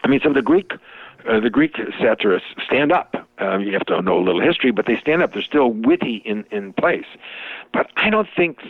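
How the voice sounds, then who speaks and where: This interview guest has a fairly low, gravelly voice with a sing-song lilt, and he talks briskly. In the casual conversation he rambles, restarting and using fillers a lot, and the sound is tinny, phone-like and dry with no echo.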